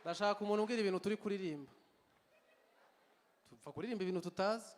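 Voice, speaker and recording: A man's voice: high voice, rapid-fire. A man hosting a live stage event with a sing-along, recorded in an echoey hall with a crowd. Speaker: event host.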